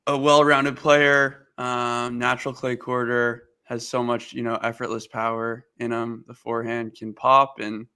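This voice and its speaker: Male guest analyst, medium pitch, very bright and smooth resonant voice, casual sports chat in measured phrases. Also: little pitch movement. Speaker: guest co-commentator.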